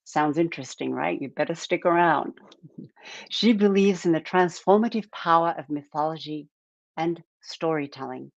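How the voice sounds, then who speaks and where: A woman from Japan hosting a live-stream talk, speaking in an unhurried way with many fillers and repeated words. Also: sits low, gravelly, no echo. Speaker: live stream podcast host. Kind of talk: slow casual live-stream introduction. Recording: dull lo-fi dry sound.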